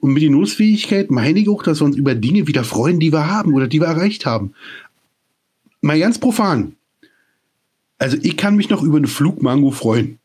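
Male co-host from East Germany, quick husky delivery, ranting with frequent restarts. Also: a little high, expressive, darkish tone. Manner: rapid, restarts and rants. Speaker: podcast co-host. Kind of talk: casual podcast chat.

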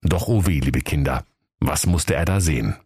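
A man's voice: very deep voice, normal speed, a little mellow, slightly rough, dry recording, studio quality. A man narrating a children's story in a playful storytelling manner.

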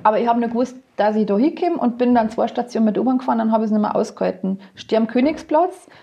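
A woman's voice: a little high, fast talker, vocal fry, mellow, dull audio. Bavarian woman telling candid stories. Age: middle-aged. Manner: candid storyteller acting out quoted voices. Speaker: guest. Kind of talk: casual podcast chat.

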